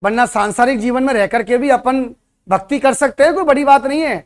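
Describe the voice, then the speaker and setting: A man's voice: very high voice, a little fast. A man teaching at a coaching center, giving a motivational classroom talk and throwing rhetorical questions at his students.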